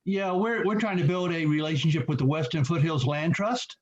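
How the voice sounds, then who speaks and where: A man's voice: a little high, a little fast, a little hiss or hum. A man speaking casually and friendly on a video call. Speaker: club member. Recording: muffled video call audio.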